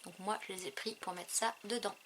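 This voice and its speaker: Woman vlogger, middle pitch, halting casual chat, crinkling noise behind. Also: fairly even intonation, fairly bright tone. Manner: hesitant, many fillers, trailing off. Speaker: craft haul vlogger. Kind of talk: casual chat showing purchases.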